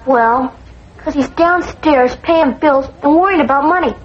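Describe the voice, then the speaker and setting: A man's voice: very high voice, measured pace. A boy actor with an American accent playing a naive, curious, kindhearted young schoolboy son in a 1950s family sitcom. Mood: sympathetic. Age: child. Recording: dull, noisy old TV soundtrack.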